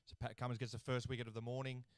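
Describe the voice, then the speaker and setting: Speaking very fast at medium pitch on a dry recording, a young Australian man runs a casual cricket watchalong from his lounge room. The host and commentator is easygoing, swears a lot, and gets excited about wickets.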